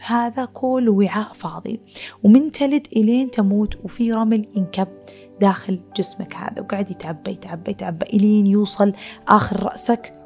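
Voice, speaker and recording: A woman's voice: medium pitch, darkish tone. A woman giving an earnest, reflective spiritual talk on a podcast, repeating phrases for emphasis and sometimes dropping to a whisper. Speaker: podcast guest speaker.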